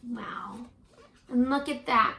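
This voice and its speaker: A woman with a high, unhurried voice, slightly creaky at the edges, reads a book aloud to young children. Like a teacher with her class, she acts out the story and turns to ask the listener questions, gentle and encouraging throughout. The room is echoey.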